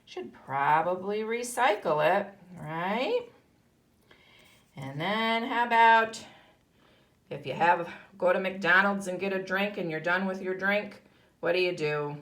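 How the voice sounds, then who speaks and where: Slow-paced and animated, this woman's voice sits on the low side and sounds a bit bright. A kindergarten teacher from the United States with an American accent, she gives a read-aloud lesson, asking young children questions and answering them herself.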